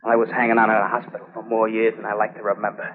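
A man's voice: on the low side, monotone, rapid-fire, slight background noise, lightly acted. An actor playing a bitter, scarred male war veteran who speaks in a mocking, sarcastic way, in 1940s radio acting. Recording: tinny old radio broadcast with music.

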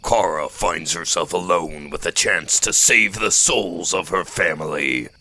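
Fantasy bard narrator, male performer: grand, rhythmic storytelling, low-pitched, unhurried, scripted and theatrical. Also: bright, forceful tone, exaggerated voice. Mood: solemn, portentous. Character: grand old-time bard narrator telling a heroic tale. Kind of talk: scripted fantasy episode introduction.

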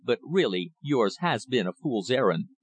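A man's voice: medium pitch, very animated, moderate pace, slightly rough, dry recording. Give me a haughty rich man who talks down to people, as a male audiobook reader puts him on, recorded dry. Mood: dismissive. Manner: condescending, brushing off. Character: dismissive, haughty wealthy man.

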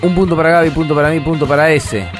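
A man's voice: a little high, rapid-fire, loud music behind the voice. A man with an Argentine accent hosting and joking through a casual group game with friends. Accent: Argentine Spanish. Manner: playful, joking, lively.

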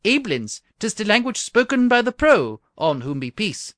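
A man's voice: high-pitched, very animated, moderate pace, fairly bright tone, no echo, studio quality, pitched above the performer's own voice. A man voicing a hearty male charioteer with a put-on Scottish accent. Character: male royal charioteer, cheerful and matter-of-fact.

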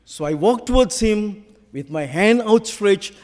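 A man with a Sri Lankan accent preaching a sermon with stories and scripture, speaking emphatically and deliberately. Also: high-pitched, animated, darkish tone. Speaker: visiting preacher. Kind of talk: sermon with storytelling and scripture reading. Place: large church hall, preaching to a congregation. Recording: hall reverb from a church PA.

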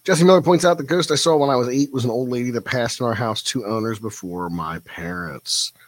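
Speaking quickly in a mid-range voice with no echo, this livestream host reads out viewer comments. He muses on them casually, thoughtful and reflective, leaning on frequent fillers.

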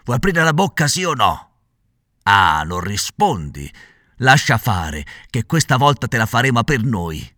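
A man's voice: mid-range voice, sing-song, unhurried, pushed and bright, no room sound, clean studio sound. A man voicing cruel male assassins with threatening, sneering lines. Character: two menacing grown male assassins, cruel.

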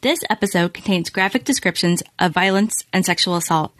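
A woman hosting a podcast, reading scripted true crime narration in measured, storytelling phrases. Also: lowish voice, a bit bright. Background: music bed.

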